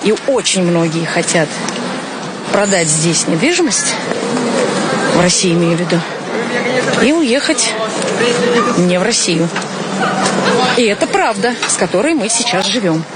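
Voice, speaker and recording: A woman's voice: mid-range voice, lively intonation, a little slow, pauses often. A woman in her forties, a realtor, speaking in a street interview in an exasperated, outspoken way. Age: 40s. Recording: loud street noise and crowd. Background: loud crowd and traffic.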